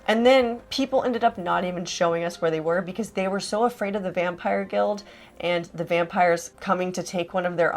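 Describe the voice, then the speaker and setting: Chatty young woman vlogger. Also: lowish voice. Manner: chatty and enthusiastic, lots of "like". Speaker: vlogger host. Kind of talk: casual vlog narration.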